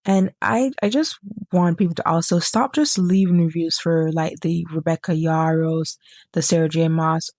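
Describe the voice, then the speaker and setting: Gravelly low-voiced woman rambling to camera. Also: steady tone, normal speed, darkish tone, dry recording, studio quality. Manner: rambling, sidetracked, self-correcting. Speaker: book reviewer. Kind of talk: casual talk to camera.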